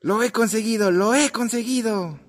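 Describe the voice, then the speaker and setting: A man's voice: sits high, normal speed. A man voicing a small, stubborn lion cub in a children's audio story, speaking in an insistent, indignant way. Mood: proud.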